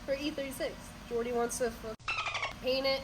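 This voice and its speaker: A woman's voice: sits high, steady tone, normal speed, background noise. A woman hosting a casual car vlog in a garage, playful and teasing. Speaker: vlogger.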